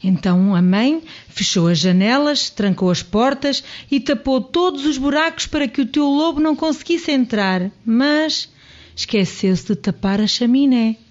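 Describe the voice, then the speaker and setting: A woman narrating a children's story with expressive, swooping emphasis. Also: high voice, a little slow. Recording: dull lo-fi radio audio.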